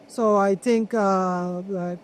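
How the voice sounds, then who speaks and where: A man being interviewed as a manufacturer, explaining products conversationally in a halting way, with repeated words. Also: high voice, steady tone. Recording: clear ambient noise on location.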